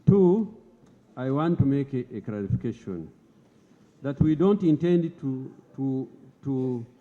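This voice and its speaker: A man addresses parliament formally as a government minister during a debate, frequently repeating words to drive his point home. His mid-range voice is animated and his pace slow. The lo-fi broadcast audio was captured in a reverberant chamber.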